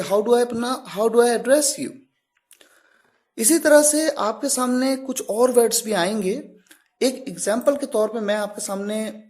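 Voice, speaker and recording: Slow, patient male grammar teacher. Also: sits high, darkish tone. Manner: patient, step-by-step explaining with examples and questions. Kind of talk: explaining English grammar to learners.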